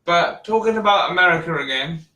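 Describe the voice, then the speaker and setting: A man hosting a casual wrestling chat, relaxed and chatty, laughing often. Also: high voice, a little fast. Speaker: podcast host. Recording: roomy echo, distant mic.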